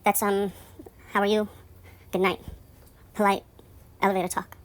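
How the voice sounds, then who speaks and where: A woman telling a rambling story in a casual monologue, profane and indignant, her voice climbing high and loud when outraged. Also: flat delivery, normal speed.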